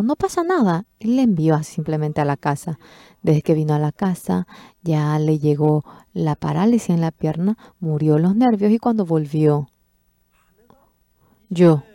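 Interpreting a testimony from a sermon, this woman voices the quotes dramatically, her pitch jumping suddenly. The recording is dry, and she speaks expressively throughout.

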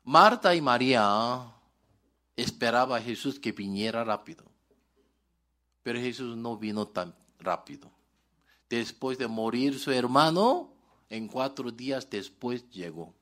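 Slow-preaching male pastor. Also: mid-range voice, expressive, pushed and bright. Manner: preaching with questions to the congregation; simplified Spanish grammar, dropped articles. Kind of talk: sermon.

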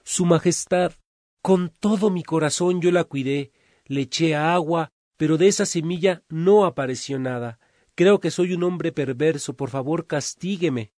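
A man's voice: a little high, unhurried, a little mellow, no room sound, studio quality, pitched above the performer's own voice, close to an everyday voice. A man voicing a poor young man who weeps and begs the king to forgive and punish him. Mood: pleading. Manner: pleading, distraught.

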